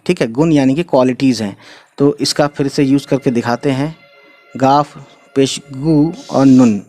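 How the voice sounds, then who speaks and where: A man's voice: mid-range voice, a little mellow. A man patiently teaching Urdu letters step by step in an explanatory lesson, often checking in with the listener.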